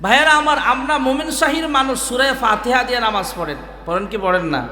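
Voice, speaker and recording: A man's voice: very high-pitched, brisk, pushed and bright. A man from Bangladesh preaching a waz sermon, chanting in a sing-song way and calling on the crowd to respond. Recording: echoey hall with music behind.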